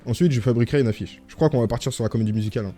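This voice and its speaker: Mellow-voiced French gaming streamer. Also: male voice, mid-range voice, rapid-fire, faint music behind. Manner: chatty, reads game text aloud, jokes. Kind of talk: gaming livestream commentary.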